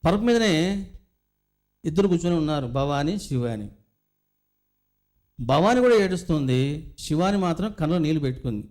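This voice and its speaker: A man's voice: fairly high pitch, animated, moderate pace, pauses often, darkish tone. A middle-aged man, a spiritual teacher, giving a devotional discourse full of stories and rhetorical questions to his listeners.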